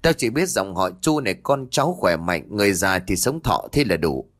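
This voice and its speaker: A man's voice: deep voice, very animated, moderate pace, fairly bright tone, no room sound, studio quality, full character voice. A man voicing an older village clan head who talks brusquely and dismissively in a ghost story. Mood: harsh.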